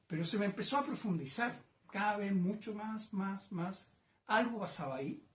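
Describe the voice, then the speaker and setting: A man's voice: sits high, animated, a bit bright. Older Chilean man reminiscing in an echoey workshop. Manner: reflective, unhurried, frequent hesitations and tag questions. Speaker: painter being interviewed. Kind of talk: casual reminiscing interview. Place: his home painting workshop.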